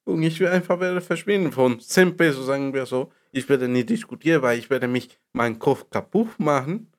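Man speaking halting German. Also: mid-range voice. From Dominican Republic. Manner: non-native German, halting broken grammar; laughs often, rises when animated. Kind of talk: casual chat.

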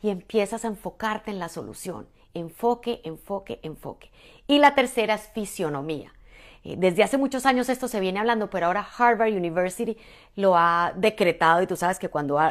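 A woman, a mother and motivational speaker, giving an energetic, emphatic talk straight to the listener. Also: mid-range voice. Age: adult, mother.

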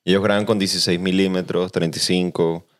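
Guy hosting a chill podcast, kinda low voice, slangy and laughing a lot. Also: flat delivery, quick pace. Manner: laid-back, slangy, laughs often. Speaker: podcast host. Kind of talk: casual chat. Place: Los Angeles studio.

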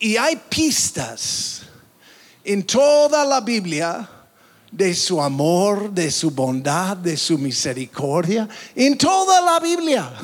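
A man preaching a sermon as pastor, animated and dramatic, swinging his voice up and down. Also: high voice. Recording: long hall reverb.

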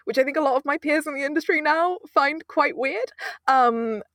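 A young British woman who produces audio dramas tells stories in a relaxed interview, lively and self-deprecating, laughing often. Her voice is high and her pace normal, captured in clean studio sound with no room noise.

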